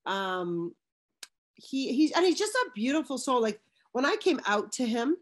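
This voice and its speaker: Earnest woman talking in halting bursts. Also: high voice, big pitch swings. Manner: earnest, halting, with many restarts and fillers. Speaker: interview guest. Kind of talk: casual conversational interview.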